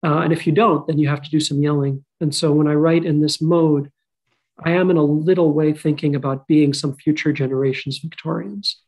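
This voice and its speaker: A man's voice: a little high, level tone, a little fast, darkish tone, poor audio. A man who grew up in Qatar, speaking as an author on a panel over a video call, thoughtful and self-deprecating. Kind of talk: panel discussion. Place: home room. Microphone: video call webcam.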